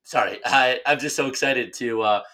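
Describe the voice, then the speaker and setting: Guy cohosting a football pod, bright voice, joking around and rambling. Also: medium pitch, normal speed. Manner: playful, teasing, rambling. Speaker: podcast co-host. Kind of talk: casual sports chat.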